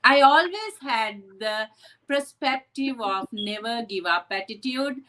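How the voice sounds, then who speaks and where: A woman with a slightly high, sharp voice and lively intonation speaks slowly over poor audio. She's a Sri Lankan psychotherapist being interviewed, sharing her story earnestly and reflectively while frequently saying "right?".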